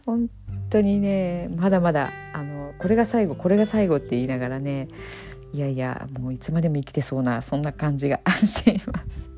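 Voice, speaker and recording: A woman in her fifties speaking in Okayama dialect, talking in a relaxed, reflective solo chat with many soft fillers. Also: low voice, brisk, faint music behind. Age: 50s. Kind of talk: casual solo monologue.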